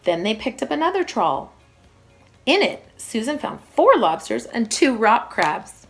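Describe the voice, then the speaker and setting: Reading a storybook aloud to young children, a woman sounds like a primary school teacher, her pitch moving in a lively way as she stresses key words expressively. She keeps a measured pace, with faint music in the background.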